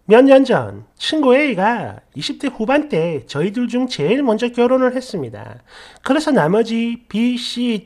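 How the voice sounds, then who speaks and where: A woman narrator reading online posts and comments aloud in a lively, mocking manner. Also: fairly high pitch. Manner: lively, mocking, laughs at the stories. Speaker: story channel narrator.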